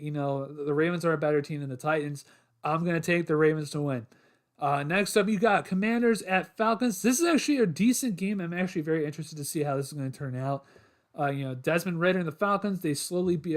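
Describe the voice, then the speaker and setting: A young man hosting a casual solo sports podcast, rambling with lots of fillers, his voice getting hoarse after talking a long time. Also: on the high side. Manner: rambling, filler-heavy, restarts often.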